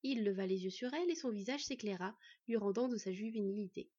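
Husky woman narrating a fantasy story. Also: mid-range voice, fast talker, mellow. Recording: dull lo-fi recording.

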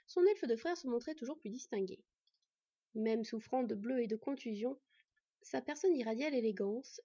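A woman reading a fantasy story aloud in a steady storytelling manner. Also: a little high, slightly rough, dry recording. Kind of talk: scripted fantasy narration. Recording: dull lo-fi, dry.

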